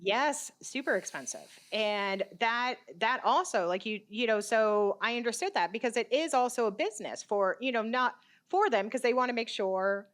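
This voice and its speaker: A woman in her fifties, a podcast guest and therapist, telling her story in a casual, animated way, acting out the voices of the people she quotes and laughing often. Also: on the high side, normal speed, few pauses.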